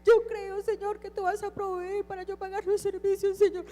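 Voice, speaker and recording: A crying, pleading woman prays in a high, strained voice, as a woman preacher acts her out. Her words come out weepy and desperate, with soft music faintly behind. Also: flat delivery, normal speed. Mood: weeping plea. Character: tearful woman praying for her family.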